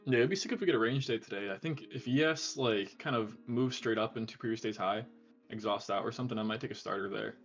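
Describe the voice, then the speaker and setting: A young man, a student who trades, chatting easily on a call with halting ums. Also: lowish voice, dull audio, soft background music. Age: young adult. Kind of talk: casual trading chat.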